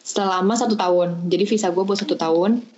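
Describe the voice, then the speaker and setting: A young woman from Bandung, Indonesia, appears as a podcast guest over a remote call, chatting casually and explaining things step by step with many hesitations. Her mid-range, darkish voice is steady and a little fast, and the sound is lo-fi.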